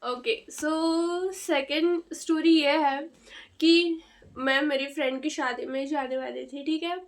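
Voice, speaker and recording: A woman's voice: high-pitched, steady tone, takes it slowly. A young woman telling casual storytime stories in a chatty vlog, feeling weak and feverish. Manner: chatty, exclaiming, frequent fillers and repeats. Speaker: vlogger.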